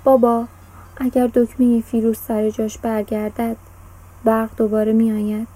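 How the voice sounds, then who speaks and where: A woman voicing an eager, cheerful young boy in a children's story, speaking with excited exclamations. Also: on the high side, close to an everyday voice, poor audio.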